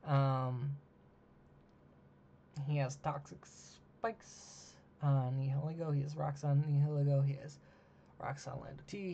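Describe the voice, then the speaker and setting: A man hosting a solo monologue, talking casually with many ums and uhs, losing his voice and clearing his throat. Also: a little high, warm tone. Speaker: host. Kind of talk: solo monologue ranking teams. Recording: dull lo-fi mic with faint hiss.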